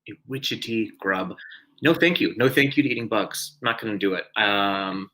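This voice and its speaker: A man's voice: on the low side, normal speed, pushed and bright, poor audio. Chatty self-mocking man hosting trivia. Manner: chatty and self-deprecating, frequent chuckles. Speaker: trivia host. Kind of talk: live-streamed trivia hosting.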